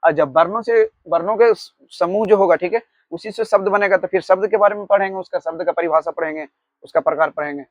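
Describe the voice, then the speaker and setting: High-voiced man dictating a grammar lesson. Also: dry recording, lo-fi sound. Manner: slow dictation, repeating key words; explains with examples. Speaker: teacher. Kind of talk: Hindi grammar lecture.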